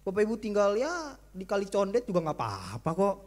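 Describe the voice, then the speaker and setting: A male pastor giving a sermon in an animated, joking style, acting out little family skits and calling out to the congregation. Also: high-pitched, a little fast. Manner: jokey, animated preaching with acted-out skits. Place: church hall. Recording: echoey church hall.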